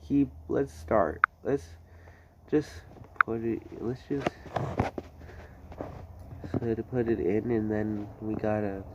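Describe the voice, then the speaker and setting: The host of this casual screen-recording tutorial is a man with a fairly low, steady voice who takes it slowly and pauses often. He hesitates, restarts, and repeats his phrases. The recording sounds muffled, with loud background noise and clicking.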